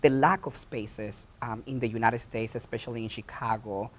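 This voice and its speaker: A Puerto Rican man who founded and directs a theatre answers interview questions haltingly, pausing and restarting often. His voice is medium-pitched with fairly even intonation.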